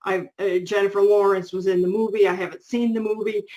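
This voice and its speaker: A woman's voice: mid-range voice, steady tone, fairly quick, darkish tone, muffled recording. A middle-aged woman co-hosting a casual show about books, chatty and full of restarts and asides. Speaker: co-host.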